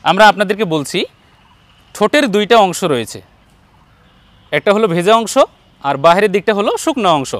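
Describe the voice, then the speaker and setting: In an online Quran lesson, a man with a Bangladeshi Bengali accent teaches the sounds of Arabic letters, stretching each one out slowly and patiently. His voice is fairly high, expressive and a bit bright. The recording is dry and close, without room echo.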